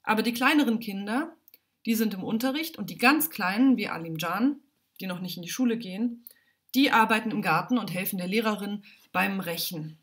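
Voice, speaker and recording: Animated woman telling a children's story. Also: medium pitch, a little fast. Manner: animated, dramatic. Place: home, livestream.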